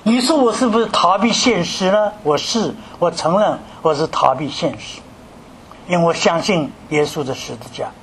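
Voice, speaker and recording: An older man from mainland China preaching a sermon, posing rhetorical questions and telling his story with animated emphasis. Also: high voice, moderate pace, slight background noise.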